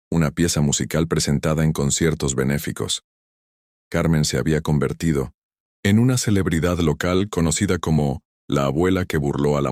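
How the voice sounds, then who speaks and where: Male storyteller for a sentimental story, very deep and measured, dry sound. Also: darkish tone, no echo. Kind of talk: scripted story narration.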